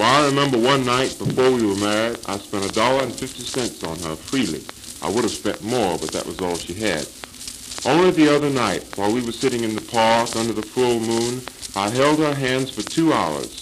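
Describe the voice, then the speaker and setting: In an early 20th century comic monologue, a man plays a hapless, henpecked husband, lecturing with mock-earnest, theatrical delivery. His fairly low, natural, expressive voice moves a little fast beneath the clear crackle and hiss of a 1930s 78 rpm record.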